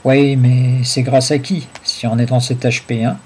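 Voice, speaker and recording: Skinny cunning schemer, sly and sneering, dark soft tone, read by a man. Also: medium pitch, flat delivery, measured pace, slight background noise, close to an everyday voice.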